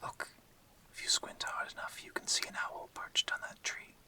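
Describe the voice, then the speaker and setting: In an intimate ASMR audio drama, a man voices a vampire lord who is courteous, protective and commanding. He speaks softly in measured, formal phrases that often drift into a whisper, with a soft, amused mood.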